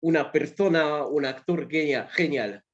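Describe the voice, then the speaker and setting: A Polish man chatting as a guest in a foreign language, speaking in measured phrases with pauses and fillers. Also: fairly high pitch, dull audio. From Poland. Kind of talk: casual multilingual conversation.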